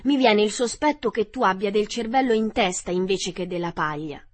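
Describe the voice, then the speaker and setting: A woman voicing a big, cowardly male lion, loud and anxious in a storybook reading, with a husky voice. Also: mid-range voice, moderate pace, close to an everyday voice. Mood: teasing.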